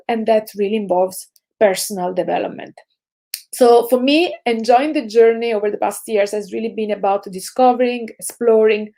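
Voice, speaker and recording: A southern Italian woman of about forty, speaking with an Italian accent at a medium pitch, gives students a prepared motivational talk about lessons from her career. Her tone is reflective; she leans on the start of each phrase and lets the end fade softly.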